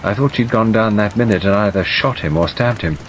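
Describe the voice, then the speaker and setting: Steady rain ambience plays beneath this audiobook, in which a man serves as the tale's narrator. His fairly low voice moves at a brisk clip, and the storytelling is scripted and dramatic.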